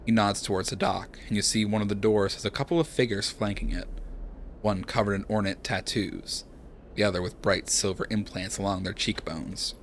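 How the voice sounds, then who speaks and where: A young man streams a narrative game, reading the on-screen text in a hushed, dramatic voice and chatting with his viewers. His pitch sits on the low side with a steady tone and normal speed, and there's slight background noise.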